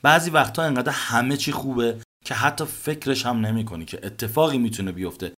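A man hosting a podcast, telling a first-person story in an expressive, vivid narrating manner. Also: medium pitch. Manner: expressive, recounting events vividly.

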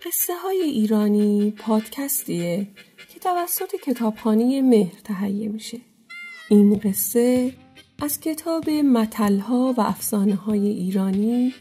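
A woman narrating a folk tale in a lively, expressive way, sometimes dropping to a hush. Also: a little high, husky. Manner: lively, expressive storytelling with hushed asides. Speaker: storyteller.

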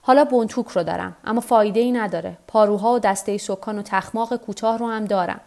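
A woman's voice: medium pitch, vocal fry, warm tone, lightly acted. A woman reading the part of a weary, stubborn old fisherman who talks to himself. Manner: talks to himself, tired and rueful.

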